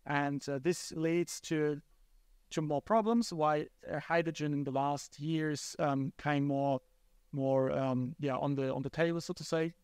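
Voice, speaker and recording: Guy on a panel, repeats words, clear voice, dry close sound. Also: a little high, steady tone, a little slow, a little mellow, no echo. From Germany. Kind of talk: conference panel answer.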